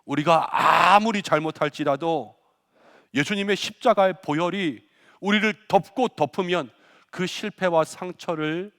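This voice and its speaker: A man's voice: high voice, a little slow, fairly bright tone. A male pastor preaching a Good Friday sermon, acting out quoted lines with rising force. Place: church sanctuary. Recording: long church reverb.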